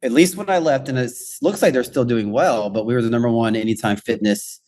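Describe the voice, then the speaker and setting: A man's voice: medium pitch, brisk, a little hiss or hum. A man from Houston, probably in his thirties, talking casually as a podcast guest about his fitness career. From Houston, Texas. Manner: relaxed, laughs easily. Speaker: guest, gym training director.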